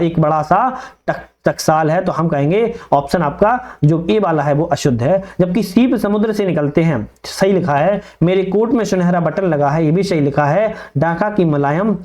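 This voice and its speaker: A man, a coaching teacher going through test answers, repeating each answer as a quick question and calling viewers brother. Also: high-pitched, darkish tone.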